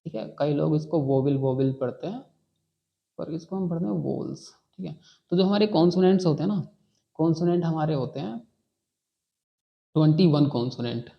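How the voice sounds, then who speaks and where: A man with a slightly high, gravelly voice talks fairly quickly and pauses often while teaching beginners English. Patient, he repeats key words and keeps checking with the class through "ठीक है"; the lo-fi recording sounds dull.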